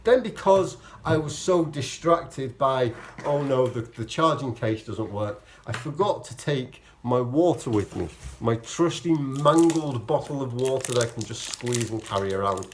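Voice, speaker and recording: A man with a mid-pitched voice chats informally to camera in vlog style. His explanations ramble and double back as he corrects himself, often acting out what he was thinking. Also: expressive, unhurried, hardly any pauses, a little hiss or hum. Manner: rambling, self-correcting explanations with acted-out quotes of own thoughts. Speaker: vlogger, amateur marathon runner. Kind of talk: casual, chatty vlog to camera.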